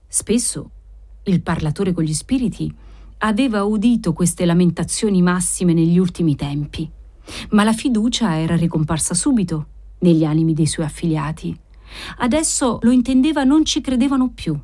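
Woman narrating a dramatic novel. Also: on the low side. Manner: dramatic, expressive reading. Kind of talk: audiobook narration.

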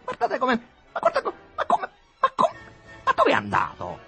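Brief: male narrator playing an excitable, sniffling man in a storybook, shrill and lively, voice jumping high. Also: normal speed, faint music behind, exaggerated voice. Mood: excited. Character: excitable middle-aged man with a cold, theatrical.

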